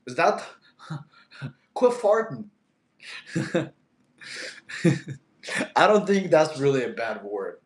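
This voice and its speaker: This livestream host is a Russian-speaking man in his thirties with a fairly high voice that swings widely in pitch. He speaks slowly with frequent pauses, staying laid-back and chatty while reading comments, laughing often, and addressing his cat in an echoey room.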